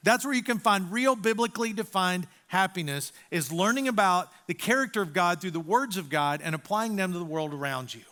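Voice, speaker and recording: A man preaching a sermon to his congregation as pastor, emphatic, with loud punchy lines and quiet drops. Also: sits high, expressive, brisk, few pauses. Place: church auditorium.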